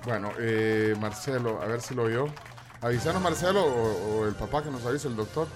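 Un hombre que conduce un programa de radio y charla de forma informal y animada con su equipo. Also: male voice, mid-range voice, moderate pace, music in the background, crowd noise. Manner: lively, chatty, introduces callers. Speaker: radio host. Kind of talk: casual radio banter.

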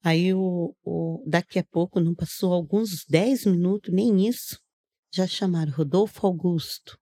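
A middle-aged woman from Brazil tells a personal testimony in a casual podcast chat. She speaks earnestly and narrates step by step, slipping into the words of the people in her story. Her voice sits a little low and sounds soft and mellow. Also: measured pace. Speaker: guest giving a testimony.

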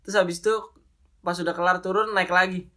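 A young man, co-hosting a casual podcast and telling animated, slangy stories. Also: high voice, fast. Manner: animated storytelling, slangy, swears a lot. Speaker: podcast co-host. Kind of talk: casual chat.

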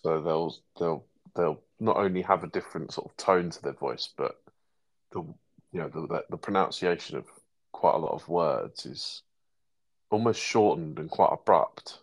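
English man, podcast co-host, casual chat, very deep, gravelly, measured. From England. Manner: measured, asks questions.

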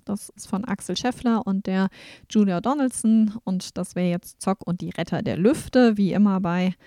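A woman in casual chat, retelling a rhymed children's book with lively, animated storytelling. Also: medium pitch, moderate pace, no room sound, clean studio sound. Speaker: book reviewer.

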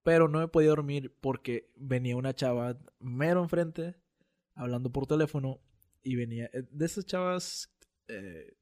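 A man with a northern Mexican accent from Monterrey tells a story in a casual podcast chat. His pitch sits in the middle range, and he is an animated storyteller who laughs often. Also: normal speed. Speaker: podcast host.

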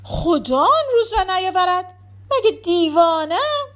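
A woman's voice: very high voice, big pitch swings, pitched above the performer's own voice. A woman voicing a naive, cheeky young maid who answers back playfully. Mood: pert.

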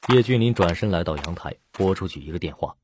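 A man narrating a serialized novel as an audiobook, with steady storytelling delivery. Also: low-pitched, fast talker, a little hiss or hum. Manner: steady storytelling, voicing the lead plainly.

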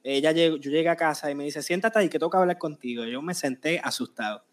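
A Puerto Rican man in his late twenties, a singer telling his story in a casual interview, animated and acting out quotes. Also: a little high, fast talker. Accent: Puerto Rican Spanish. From Puerto Rico. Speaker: guest singer.

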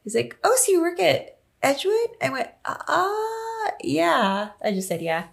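A young woman co-hosting a podcast, telling an animated story in casual chat and laughing often. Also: high-pitched, a little fast, vocal fry. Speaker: podcast co-host.

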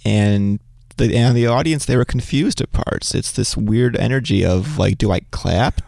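Male co-host, lowish gravelly voice, relaxed storyteller, dry studio sound. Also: normal speed, no echo. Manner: relaxed, agreeable, anecdotal. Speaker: podcast co-host. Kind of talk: casual chat.

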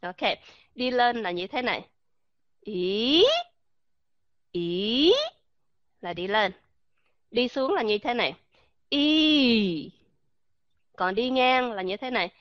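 A woman runs a pronunciation lesson in a fairly high voice, modelling each vowel and putting questions to her listeners. The recording is dry and close, with a slightly dull, muffled sound. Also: normal speed, no room sound. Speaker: English pronunciation teacher.

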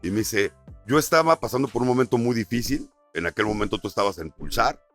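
A radio announcer talks fast in a slightly low voice, telling stories in relaxed, slang-heavy podcast chat. Soft music plays faintly underneath. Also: male voice, creaky. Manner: storytelling, peppered with slang.

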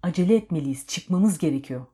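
A woman voicing an older man who is a hurried, bossy time traveler, barking urgent orders. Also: fairly low pitch, expressive, mellow, close to an everyday voice.

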